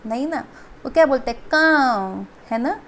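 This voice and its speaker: A woman's voice: high-pitched, quick pace, darkish tone. A woman teacher giving a patient lesson to children, repeating examples and checking that they understand. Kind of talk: classroom Hindi lesson.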